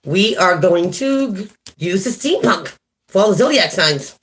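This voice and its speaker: During a casual live-stream tarot reading, this woman chats in an expressive, medium-pitched voice at an unhurried pace, with slight background noise behind her. She greets viewers by name and keeps laughing at herself.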